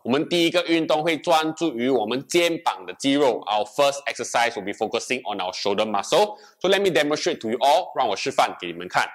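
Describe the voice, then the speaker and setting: A man's voice: mid-range voice, expressive, fast, hardly any pauses. A young man leading a fitness class in a gym room, alternating English and Mandarin as he demonstrates and counts repetitions. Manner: switches between English and Mandarin line by line, counting reps. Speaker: fitness instructor. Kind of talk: bilingual exercise class instruction. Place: bright indoor gym room with treadmill.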